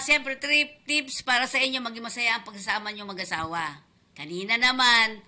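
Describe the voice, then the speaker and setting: A woman's voice: fairly high pitch, sharp tone. A woman with a Filipino accent hosting a radio show, giving casual advice and often checking in with her listeners. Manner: chatty, asks listeners "di ba?" often, laughs. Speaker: radio host.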